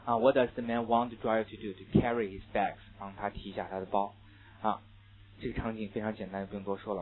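A man's voice: on the low side, slightly rough. A Chinese-speaking man teaching English pronunciation in a lecture, asking questions and answering them himself. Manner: drills pronunciation, asks and answers own questions. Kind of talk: classroom lecture. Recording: tinny phone-like lecture recording.

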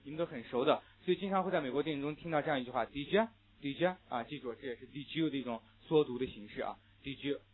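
Husky lo-fi male English teacher. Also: mid-range voice, racing, few pauses. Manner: explains patiently, drills phrases for students to repeat. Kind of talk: classroom lecture. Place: classroom with students. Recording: muffled phone-like lo-fi audio.

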